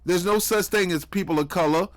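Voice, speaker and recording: Male commentary host, slightly high voice, preachy and mocking. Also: brisk. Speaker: commentary host reacting to clips. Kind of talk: heated political commentary.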